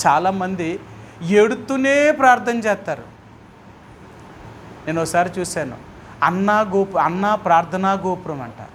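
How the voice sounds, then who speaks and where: High-voiced man preaching with fiery questions. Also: expressive, a little slow, pauses often, a little hiss or hum. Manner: emphatic, keeps asking rhetorical questions; swings between loud bursts and quiet drops. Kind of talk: sermon at a prayer meeting. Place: prayer house.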